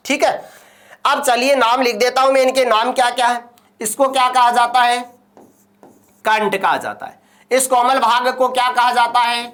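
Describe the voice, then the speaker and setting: A man's voice: extremely high pitch, a bit bright. A male teacher gives a classroom grammar lecture. He keeps asking his students questions and then answers them himself.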